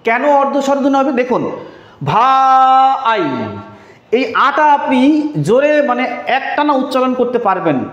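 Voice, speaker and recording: A man with a strikingly high voice teaching a live online grammar class. He drills each point by repeating it and quizzes his listeners as he goes. The recording has a noticeable echo from the room. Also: expressive, fast talker, highs cut off.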